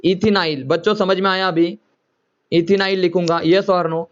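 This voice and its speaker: A man's voice: high voice, steady tone, moderate pace, highs cut off. A man teaching a chemistry lecture to students, often repeating himself and coaxing them to answer. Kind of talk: classroom lecture.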